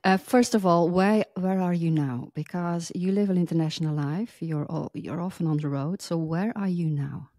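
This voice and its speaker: A woman's voice: lowish voice, normal speed, hardly any pauses, mellow, no room sound. Woman hosting a podcast, lots of ums while asking, dry close mic sound. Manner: hesitant, filler-heavy questioning. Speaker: podcast host. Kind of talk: casual interview. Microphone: large studio mic on a video call.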